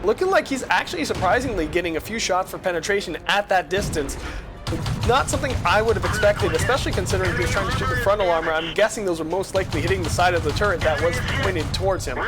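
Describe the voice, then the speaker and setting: A man giving casual game commentary in a rambling, self-correcting way, recorded on the go through a headset with poor audio quality. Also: sits high. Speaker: gameplay commentator. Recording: lo-fi headset audio over music.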